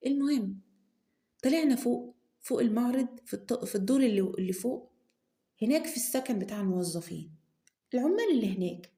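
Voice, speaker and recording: Chatty Egyptian woman telling a story. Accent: Egyptian Arabic. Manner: chatty, animated, lots of sudden pitch jumps and restarts. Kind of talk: first-person romance story narration.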